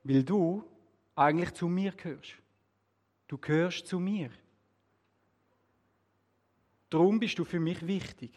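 A man voicing a kind old male woodcarver who speaks slowly and reassuringly. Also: a little high, expressive, in a large hall. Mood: tender. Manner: slow, gentle, reassuring.

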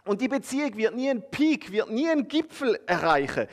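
Man, Swiss German accent, preacher, sermon, high voice, expressive, moves between emphatic and hushed. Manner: expressive, swinging between emphatic rises and hushed, drawn-out passages; addresses listeners directly with a conversational "oder?".

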